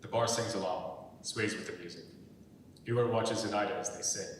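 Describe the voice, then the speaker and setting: Heard from a distance in an echoing hall full of rumbly noise, a man speaks at a normal speed with fairly even intonation. He is narrating a screenplay's stage directions from the script.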